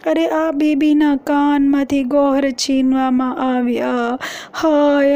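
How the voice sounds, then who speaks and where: High, slow-wailing woman preacher. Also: mellow. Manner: wailing lament with drawn-out cries of grief. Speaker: mourning-gathering preacher. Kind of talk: sermon lament recitation.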